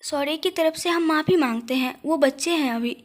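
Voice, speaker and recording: A timid young mother from an audio storybook, speaking softly and politely, as a woman reader puts her on. Her voice sits fairly high and gentle. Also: normal speed, lightly acted. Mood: anxious. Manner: polite, soft-spoken. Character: young gentle mother, soft-spoken and anxious.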